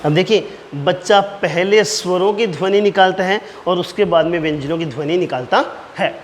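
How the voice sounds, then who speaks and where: A man teaching an exam-prep lecture, explaining point by point and slowly dictating key phrases, repeating them. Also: sits high. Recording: reverberant room with faint noise.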